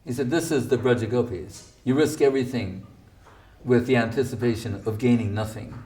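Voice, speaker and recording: A man's voice: mid-range voice, a little fast, dark tone, recorded from a distance. A man giving an informal spiritual talk, telling stories about his teacher with wry asides. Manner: anecdotal, wry asides, quotes others. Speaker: speaker recounting his guru's teachings.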